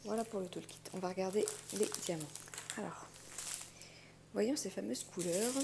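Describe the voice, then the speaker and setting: A woman with vocal fry and a gravelly morning voice, chatting through an unboxing and thinking aloud. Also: medium pitch, moderate pace. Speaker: craft unboxing host. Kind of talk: casual unboxing chat. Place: indoors at a wooden table. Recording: handling clicks and crinkling noise. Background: crinkling plastic, clicks.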